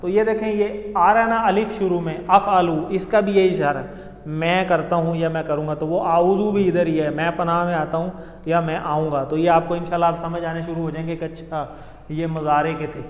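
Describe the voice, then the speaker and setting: A man with a high voice teaches a classroom grammar lesson, patiently breaking each point down and leading the students in chanted drills. He is recorded in an echoey hall with a long reverb tail. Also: level tone, normal speed. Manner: patient, explains step by step, leads chanted drills.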